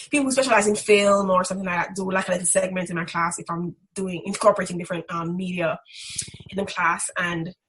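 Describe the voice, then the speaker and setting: This recording is poor, with background noise and clicks, capturing a young woman from the Caribbean islands in a reflective interview. Her mid-range voice is a bit bright, and she speaks candidly with strident emphasis. She works as a graduate student instructor.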